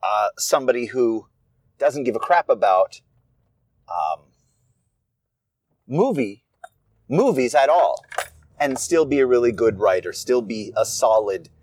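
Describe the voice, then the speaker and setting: Animated, musing male podcaster. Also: medium pitch, measured pace, pauses often, no echo. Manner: musing, digressive, wry asides. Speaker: writer podcaster. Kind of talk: casual solo podcast monologue.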